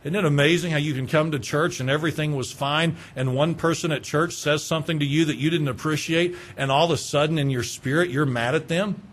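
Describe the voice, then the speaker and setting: A man pastor preaching a sermon, asking the listeners rhetorical questions and repeating words as he builds each point, moving between hushed lines and raised ones. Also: a little high, fairly even intonation, brisk, few pauses.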